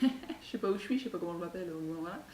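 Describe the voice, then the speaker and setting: A woman voicing a forgetful young monk, soft, downcast and hesitant. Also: on the low side, expressive, very fast, close to an everyday voice. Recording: echoey room, far mic, faint hiss.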